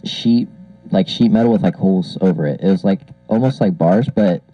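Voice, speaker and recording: A man's voice: low voice, normal speed, no echo. A young man co-hosting a casual podcast through an old karaoke microphone that makes him sound like a pilot on an intercom, rambling and laughing often. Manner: rambling, laughs a lot, filler-heavy. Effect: muffled karaoke-machine mic, like a pilot on an intercom. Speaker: podcast co-host. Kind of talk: casual chat. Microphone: old karaoke machine microphone. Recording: dull lo-fi karaoke mic, dry.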